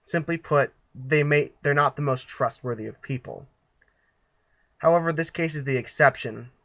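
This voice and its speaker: A man's voice: on the high side, normal speed, fairly bright tone, no room sound. A young man narrating a student skit in an offhand, rambling way.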